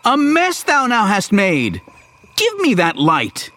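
An actor playing an earnest, exasperated young hero in Shakespearean verse, declaimed like a hammy stage performer. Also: male voice, medium pitch, sing-song, slow pace. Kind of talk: dramatic Shakespearean verse reading.

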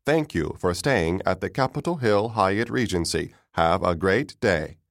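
A man voicing a polite computerized hotel wake-up call in a slow, measured way. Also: low-pitched, expressive, a bit bright, no echo, studio quality, full character voice.

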